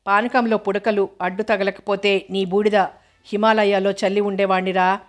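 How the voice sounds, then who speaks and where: Woman reading harsh young man, threatening, stern, flat delivery, audiobook. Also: mid-range voice, normal speed, natural voice.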